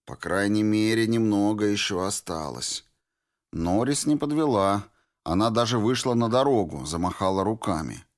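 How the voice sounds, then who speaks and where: A man narrates an audiobook in a low voice. His intonation rises and falls a lot. The reading is expressive and scripted. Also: moderate pace. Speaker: audiobook reader.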